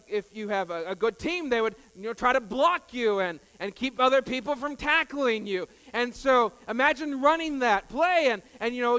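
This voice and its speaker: A male pastor delivers a sermon in a very high, smooth, resonant voice. He repeats key phrases for emphasis and hesitates often between them. His voice rings with the long reverb of a church sanctuary. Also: bright, forceful tone. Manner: emphatic and repetitive, with frequent hesitations.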